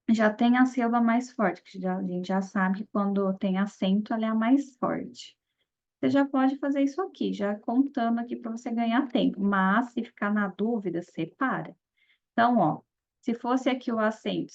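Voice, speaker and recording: Woman teacher with a gravelly voice. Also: on the high side, darkish tone. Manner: explanatory, checks in with listeners often. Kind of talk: exam-prep lesson. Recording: dull lo-fi audio.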